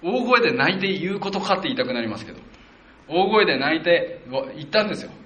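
A man preaching a conversational sermon as a pastor, working through a Bible passage verse by verse and acting out quotes with animated shifts in voice. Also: fast, reverberant, lo-fi sound. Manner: animated, acts out quotes of the people with shifts of pitch; conversational, with self-corrections and fillers.

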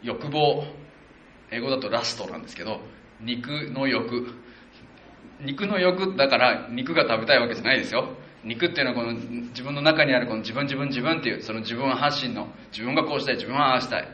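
A male pastor preaching a casual, conversational sermon, stopping to correct himself and acting out what the people said with lively jumps in pitch. His voice is bright and forceful. It is recorded in a roomy, echoing space with a dull, lo-fi sound. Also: fairly quick, a little hiss or hum. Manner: animated, acts out quotes of the people with shifts of pitch; conversational, with self-corrections and fillers. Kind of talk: sermon, verse-by-verse Bible exposition.

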